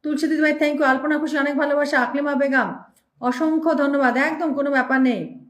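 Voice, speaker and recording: A woman's voice: sits high, fairly even intonation, brisk, reverberant. A woman hosting a live stream, reading out viewer names and thanking them one after another in speech.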